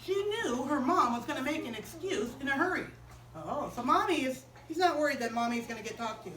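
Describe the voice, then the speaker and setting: A woman tells a story to children in a chapel. She is animated and keeps asking the children questions, in a high voice. The mic sits far from her in an echoey room with faint ambience. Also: fairly quick, slight background noise.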